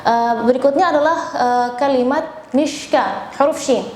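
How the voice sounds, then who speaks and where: A woman's voice: high-pitched, darkish tone. Over-enunciating Indonesian woman teacher, echoey room. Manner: over-enunciates example sounds and words, slowly drawn out. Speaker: Quran recitation teacher. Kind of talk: spoken lesson with feedback and demonstrations. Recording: echoey room, faint background noise.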